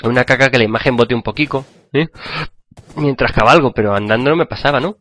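A man with a Spain Spanish accent, hoarse from a cold, chatting and joking with viewers while playing a game. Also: medium pitch, fast talker, a bit bright, no room sound. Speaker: gaming channel host. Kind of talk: gameplay commentary.

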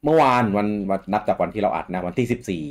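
A man's voice: on the low side, lively intonation, rapid-fire. A man in his thirties from Thailand, hosting a podcast in a rambling casual chat full of fillers and repeats. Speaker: podcast host.

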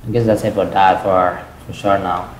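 A man's voice: low voice, roomy sound, a little hiss or hum, low-quality recording. A man casually commenting on a video game during a live stream, exclaiming often and rambling. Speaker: gaming streamer.

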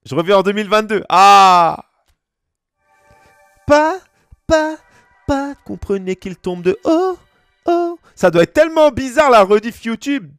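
A man's voice: very high voice, expressive, normal speed, no echo, clean studio sound, faint music behind. A man in his thirties from France, streaming a football game and bantering with his chat in slangy, joking asides. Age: 30s. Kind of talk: casual gaming stream chat.

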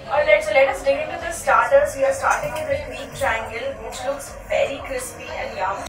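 A woman's voice: sits high, fairly quick, a bit bright, recorded from a distance. A young woman, hosting a cheerful food review to camera inside a restaurant. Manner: bubbly, enthusiastic. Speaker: food vlogger host. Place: indoor restaurant dining room. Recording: echoey room, off-mic, music underneath.

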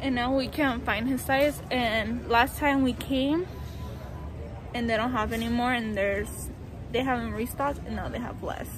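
A woman's voice: fairly high pitch, steady tone, a little slow, music in the background. A young woman talking through a face mask while vlogging casually inside a store, chatting and slipping into Spanish phrases. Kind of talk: casual vlog chat. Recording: noisy store background.

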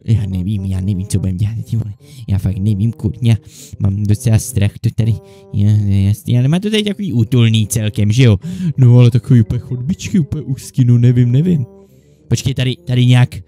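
A man's voice: mid-range voice, warm tone. Panicky, swearing gamer guy. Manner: jittery, panicky banter with frequent mild swearing; switches between two bickering sidekick characters. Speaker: gaming YouTuber. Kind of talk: comedic Minecraft let's play.

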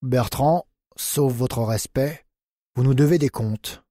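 A man's voice: mid-range voice, takes it slowly, warm tone, no echo, studio quality. A man voicing a blunt man who accuses another in a hard, categorical tone. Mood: accusing.

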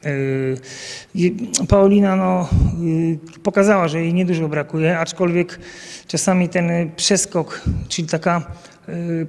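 A national team coach in his thirties answers interview questions into a handheld mic held by the interviewer, outdoors beside a banner at an event. He uses many fillers and restarts. His voice is on the high side and darkish, with a long reverb tail.

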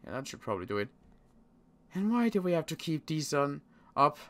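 In an improvised game roleplay, a man plays a worried survivor of a zombie apocalypse, muttering to himself and haltingly repeating words. His voice sits fairly high, with big swings in pitch.

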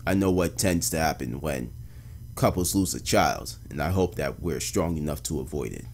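A man voicing a weary, grieving male detective, reading a journal in slow, hushed noir narration. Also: rumbling low, a little hiss or hum, voice pushed down. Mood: somber.

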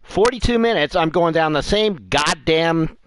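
Man, middle-aged, exasperated sweary game commentary, very animated intonation, clearly noisy home recording. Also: a little high, unhurried. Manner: grumbling, exasperated, sweary complaining. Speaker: live game streamer. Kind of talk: casual gameplay commentary. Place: room at home.

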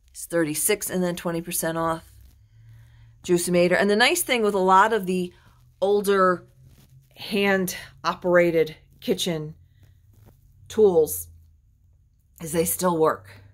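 A woman giving a chatty phone-filmed tour of an antique shop, admiring the items as she goes. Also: deep voice. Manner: chatty, admiring, drifts softer and louder as she pans. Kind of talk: casual walkthrough narration. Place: indoors in a crowded antique shop.

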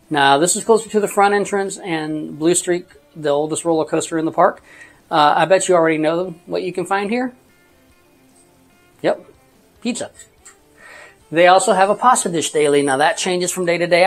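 A relaxed vlogger from Texas talks through theme park food in a casual review voice-over. The delivery is easygoing, with dry, wry asides dropped in along the way. The voice sits at an ordinary middle pitch.

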